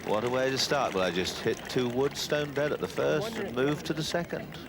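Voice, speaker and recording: A man giving live golf commentary in an unhurried, conversational way. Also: mid-range voice. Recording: clear outdoor background noise.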